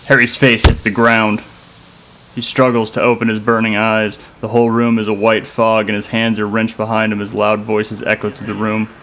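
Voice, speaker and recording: A man reads a dark story aloud with a low voice that barely rises or falls. His delivery is steady and measured, calm even through tense scenes. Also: a little hiss or hum. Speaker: narrator. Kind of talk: scripted story narration.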